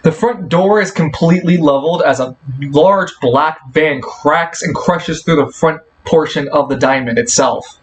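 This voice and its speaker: A man runs a tabletop game, narrating the scene in quick, rambling bursts. His voice sits a little high. Faint background noise runs under it. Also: poor audio. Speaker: game master.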